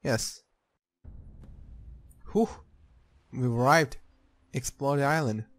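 A man's voice: medium pitch, takes it slowly, fairly bright tone. A man giving casual, sweary playthrough commentary, reacting aloud as he plays a game. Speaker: gamer. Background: game music.

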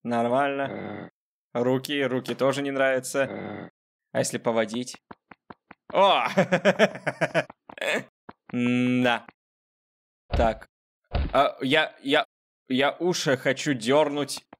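A man's voice: mid-range voice, slow pace, creaky, long pauses, slight background noise. A man hosting a gaming video with casual joking commentary, sarcastic and talking directly to the game character.

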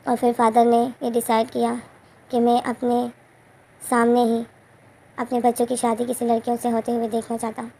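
A woman casually retells a romance story and keeps correcting herself as she goes. Her voice is gravelly and somewhat high. Her pitch stays flat. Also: moderate pace. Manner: rambling, self-correcting.

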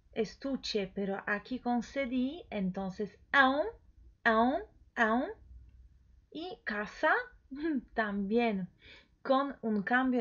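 Woman, language teacher, drawn-out repetitions, very slow delivery, muffled lo-fi sound. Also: fairly high pitch. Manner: repeats each word slowly, coaxing the listener to echo. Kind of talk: slow pronunciation lesson. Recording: dull lo-fi recording.

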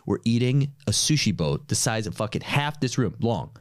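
A man's voice: mid-range voice, moderate pace, dry recording, clean studio sound. A man hosting a podcast, telling a story with acted-out quotes and casual swearing. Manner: animated storyteller acting out quotes, swears freely. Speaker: podcast host.

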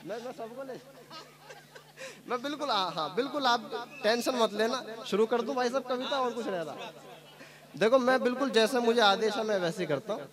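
A man's voice: very high-pitched, moderate pace. A young man performing comic poetry patter on stage, chatty and teasing, forever assuring the crowd he is telling the truth, through a stage microphone at a live gathering. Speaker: stand-up poet. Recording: lively crowd reacting behind.

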